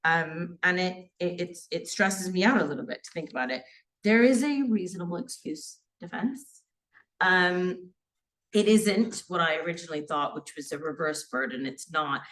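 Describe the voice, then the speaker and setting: This low-quality recording catches a woman at a distance in a seminar room; her pitch is fairly low, her tone fairly bright, her pace moderate. She is in her forties, was born in Sri Lanka, and works as a criminal barrister, giving an unscripted seminar talk full of fillers and false starts.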